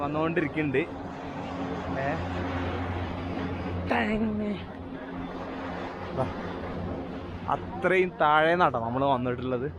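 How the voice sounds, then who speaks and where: A travel vlogger from Kerala, India, with a Malayali accent and a slightly high voice, chats casually and excitedly to his viewers. He repeats phrases and mixes Malayalam with English slang, while noisy outdoor ambience and vehicle sounds fill the recording.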